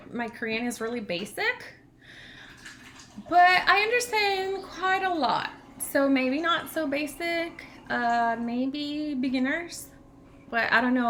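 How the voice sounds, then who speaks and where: A woman whose first language is Spanish, chatting casually in an animated, storytelling way as a vlog host. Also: high voice, a little hiss or hum. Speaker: channel host, language learner.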